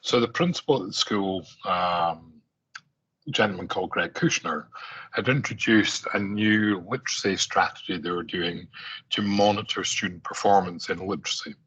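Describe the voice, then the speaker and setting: Speaking at a normal pace, this conference speaker has a low, slightly rough voice with a bit of brightness, though the recording's high frequencies are cut off. He's a middle-aged man from Aberdeen, Scotland, presenting conversationally with lots of fillers and false starts.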